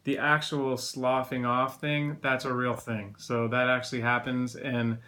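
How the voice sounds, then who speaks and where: A man speaks casually to his viewers in a personal vlog update while nursing a sore throat after surgery. His pitch sits in an ordinary male range and moves very little. He explains things in a loose, rambling, conversational way. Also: flat delivery, measured pace, sharp tone. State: recovering from tonsillectomy, sore throat. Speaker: video blogger.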